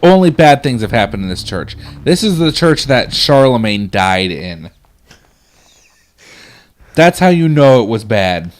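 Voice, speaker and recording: A man's voice: medium pitch, big pitch swings, measured pace, long pauses, slight background noise. A man joining casual gameplay banter with dry joking asides. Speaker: let's play co-commentator.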